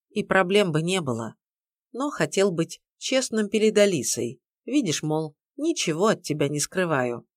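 A woman narrating an audiobook in a measured, steady way. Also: sits low, no echo, studio quality. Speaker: audiobook reader. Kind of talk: scripted narration.

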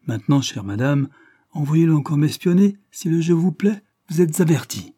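A man playing a stern, threatening gentleman. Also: a little high, expressive, normal speed, husky, dry recording, studio quality, pitched above the performer's own voice. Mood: pointed. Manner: threatening, emphatic. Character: stern, forthright young gentleman.

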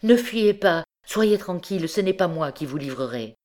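A woman's voice: on the low side, expressive, moderate pace, darkish tone, lightly acted. A woman reading an audiobook, voicing an anguished young man who pleads in a shaky voice. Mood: pleading.

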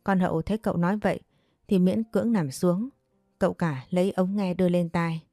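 A woman's voice: fairly low pitch, steady tone, a little fast, dark tone, dry recording, studio quality, faint music behind. A woman narrating a dramatic family story and voicing each character's lines herself.

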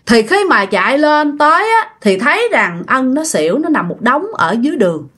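Southern vietnamese woman telling a ghost story, kinda high voice, super expressive, chatty. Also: normal speed. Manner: chatty, addresses listeners directly. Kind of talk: casual ghost story retelling.

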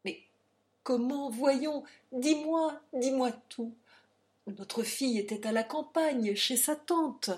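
A woman's voice: mid-range voice, slow pace, close to an everyday voice. A woman voicing a desperate, anguished man who pleads and rails in a dramatic audiobook reading. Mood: indignant. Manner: pleading, urgent, breaking into shouts.

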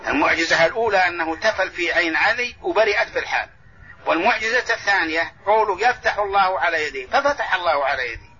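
A man's voice: sits high, animated, quick pace, bright, forceful tone, slightly rough, faint music behind. A man teaching a mosque lesson as sheikh, explaining and correcting points and restating them again and again, heard on a dull old tape recording. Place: large mosque lesson hall.

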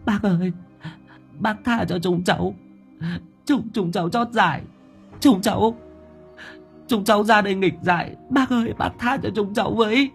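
A man's voice: sits high, moderate pace, vocal fry, pauses often, soft background music, voice pushed up. A man voicing a frightened village boy who stammers and begs. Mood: begging. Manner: stammering, pleading.

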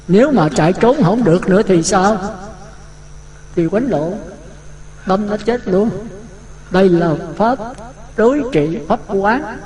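A man's voice: high-pitched, a little mellow. A man giving a Buddhist dharma talk, vivid and full of rhetorical questions. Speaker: Buddhist monk teaching. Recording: echoey hall.

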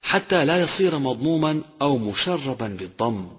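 A man's voice: mid-range voice, very animated, a bit bright, slightly rough. Man teaching recitation in a reverberant hall. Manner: slow, deliberate demonstration of pronunciation. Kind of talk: instructional lesson with recited examples.

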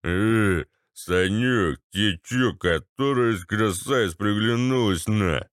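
A man voicing a drunk, boorish ex-paratrooper with a bassy, slurred, swaggering delivery. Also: slow pace, fairly bright tone, no room sound, clean studio sound. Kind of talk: audiobook character voice.

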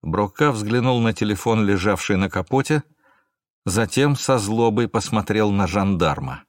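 A man narrating a thriller audiobook in a measured, steady way. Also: lowish voice, dry recording, clean studio sound.

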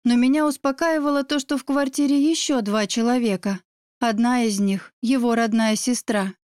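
Smooth-voiced woman narrating an audiobook. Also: fairly high pitch, fairly even intonation, normal speed, a little mellow, no room sound, studio quality. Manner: emotive, dramatic reading. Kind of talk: first-person audiobook narration.

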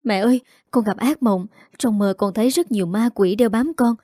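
A woman's voice: medium pitch, normal speed, mellow, no room sound, clean studio sound, close to an everyday voice. Woman doing a frightened guilt-ridden young woman. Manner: pleading and frightened.

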